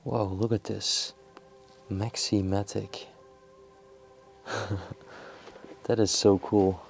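Young male explorer, deep monotone narration, camera mic indoors. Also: extremely slow, vocal fry, faint music behind. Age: young adult. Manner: hushed, curious commentary while touching old objects. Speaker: urban explorer. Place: indoors in an abandoned house.

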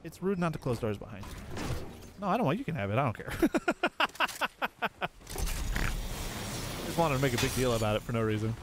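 A man putting on a petty, grumbling male gaming buddy, ranting sarcastically with plenty of swearing over loud game sounds. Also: mid-range voice, huge pitch swings, normal speed, pauses often, background noise, voice pushed down. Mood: mock-angry. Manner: sarcastic mock rant, heavy swearing.

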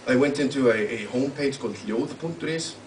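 A man introducing his poem at a live reading, halting and searching for words as he explains it. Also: mid-range voice. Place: live literary event hall. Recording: roomy, distant live mic with faint hum.

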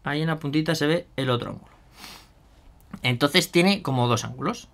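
A man's voice: a little high, normal speed, creaky, a bit bright. A man chatting casually through a hands-on product demo, thinking aloud with fillers and asides to viewers. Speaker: miniature painting youtuber.

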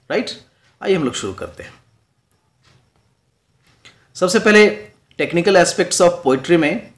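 Hindi-speaking male teacher explaining poetry. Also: fairly high pitch. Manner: mixes English terms into explanations, checks in with "right?". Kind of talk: classroom lecture.

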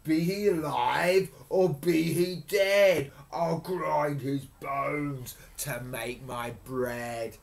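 A man voicing a huge, hungry storybook giant, menacing and booming in slow, emphatic chants. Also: steady tone, gravelly, full character voice.

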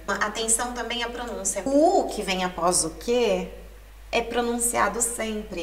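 A woman's voice: fairly high pitch, slight background noise. Portuguese-speaking woman teaching italian, explains things patiently, sounds a bit far off the mic. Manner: explains patiently, reading lyric lines aloud slowly. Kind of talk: language lesson. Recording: echoey room, mic at a distance.

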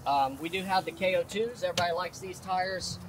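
A man's voice: high voice, a little fast, slight background noise, poor audio. A man in his thirties explaining product features outdoors in a confident, detailed sales manner. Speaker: manufacturer representative. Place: outdoors at a vehicle lot.

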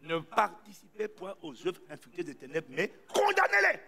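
A man preaching a sermon to a congregation, calling out to them and shouting his points for emphasis. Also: high-pitched, huge pitch swings, normal speed, creaky, soft background music.

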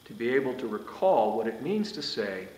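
A man's voice: medium pitch, normal speed. Older male priest preaching in an echoey church. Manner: animated gestures, rising and falling emphasis. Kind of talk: sermon. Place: small church sanctuary, indoors. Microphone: far camera.

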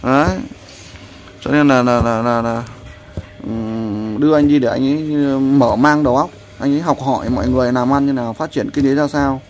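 This is casual vlog talk: a man wanders through his commentary for viewers and directs a friend who's cooking outside, leaning heavily on the word "there." His voice is mid-range and steady at a moderate pace.

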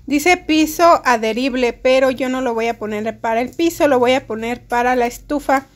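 A woman's voice: high-pitched, moderate pace, roomy sound. Chatty Mexican woman vlogging. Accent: Mexican Spanish. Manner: chatty, talks straight to her viewers. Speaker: vlogger and homemaker. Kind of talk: casual chat to camera. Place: home kitchen indoors, later outdoors at a park.

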